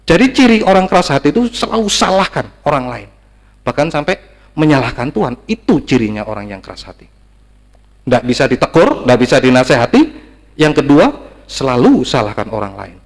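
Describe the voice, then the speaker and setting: A man's voice: medium pitch, big pitch swings, fairly quick, long reverb tail. A man preaching a sermon, emphatic and repetitive, his voice rising to stressed peaks.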